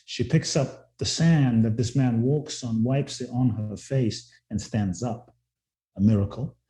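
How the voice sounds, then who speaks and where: An earnest, reflective guest speaker tells his own story, repeating words as his sentences begin. Born in Ghana and raised in London, he talks unhurriedly in a medium-pitched, dark-toned voice, and the room's echo is audible.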